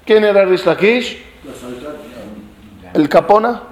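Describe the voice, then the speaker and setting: A man's voice: high voice, slow. A man teaching a Talmud class to a live group, telling stories with many rhetorical questions, joking with his listeners and mixing in Hebrew study terms. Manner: animated storytelling with rhetorical questions; jokes with the listeners. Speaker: Torah teacher.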